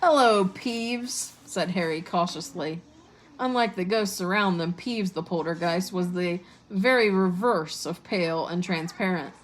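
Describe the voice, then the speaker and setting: A woman teacher reading a storybook chapter aloud in a steady, expressive way. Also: lowish voice, low-quality recording.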